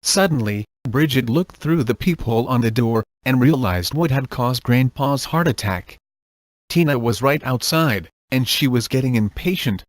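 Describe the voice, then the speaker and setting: Deadpan male story reader. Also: medium pitch, normal speed, dry recording. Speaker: narrator. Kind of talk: reading a comic horror story aloud.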